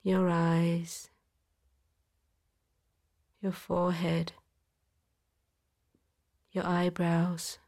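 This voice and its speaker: Female meditation guide: soft, calm, slightly low and very even, unhurried, partly whispered. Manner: slow, soft, calm with long pauses. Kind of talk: guided body-scan relaxation.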